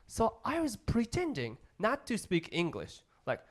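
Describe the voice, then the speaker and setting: A male stand-up comedian with a strong Japanese accent and a fairly high voice. His pitch moves in lively swings as he tells stories in simple, halting English and acts out little exchanges for a live audience.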